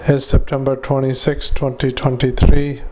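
Male clinician dictating to a recorder; very flat, halting, mid-pitched. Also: slight background noise. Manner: halting, with many filler sounds and restarts. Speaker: clinician dictating a patient report. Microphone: handheld dictaphone.

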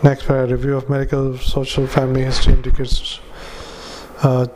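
Male clinician dictating to a recorder; very flat, halting, mid-pitched. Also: background noise. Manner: halting, with many filler sounds and restarts. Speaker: clinician dictating a patient report. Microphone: handheld dictaphone.

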